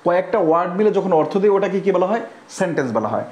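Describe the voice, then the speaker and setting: A man's voice: high-pitched, big pitch swings, very fast, darkish tone, reverberant, highs cut off. A male Bangladeshi teacher giving a classroom grammar lecture, often quizzing the students with questions and spelling words out letter by letter. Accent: Bangladeshi Bengali.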